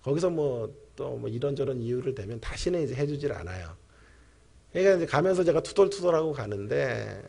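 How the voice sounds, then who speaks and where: Gravelly man preaching a sermon. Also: medium pitch. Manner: animated storytelling, talks directly to the congregation. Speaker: pastor and professor preaching at a teachers' revival. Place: church sanctuary.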